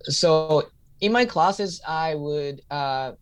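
A man's voice: fairly high pitch, extremely slow, clean tone. A man in his thirties, a comedian and teacher, answering interview questions in a casual, thoughtful way and often restating a point while he hunts for the right words. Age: 30s. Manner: reflective, repeats himself while searching for words.

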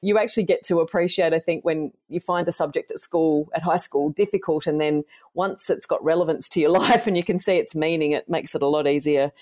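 An Australian woman in her forties, a podcast guest gently and earnestly telling her life story. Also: deep voice, brisk, hardly any pauses.

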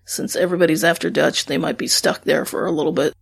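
A woman's voice: low voice, fairly even intonation, fast talker, creaky, husky, dry recording. A woman co-hosting a podcast in a casual back-and-forth discussion. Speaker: podcast co-host.

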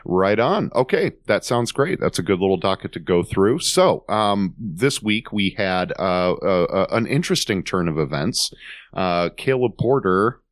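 A man's voice: sits low, animated, measured pace, dry recording, studio quality. A man hosting a casual podcast, talking loosely with lots of fillers while he has a cold. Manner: loose and chatty, frequent fillers. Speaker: podcast host.

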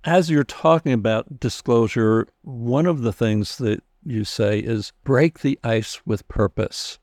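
A man hosting an interview, speaking in a deliberate, reflective conversational way. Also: mid-range voice, a little mellow, no echo, studio quality. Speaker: interview host.

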